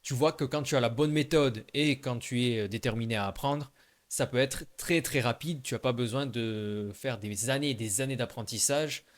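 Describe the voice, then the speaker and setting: A man talks straight to the camera in a relaxed video lesson, repeating short sounds slowly so the listener can copy them. His tone is informal and encouraging, addressing the viewer one to one. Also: medium pitch. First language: French. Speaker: Chinese language teacher.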